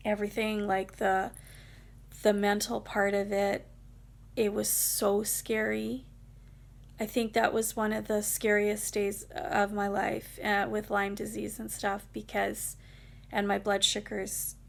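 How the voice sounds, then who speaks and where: A woman's voice: mid-range voice, gravelly. A woman vlogger telling a personal story in a casual, rambling, emotional way, with many fillers.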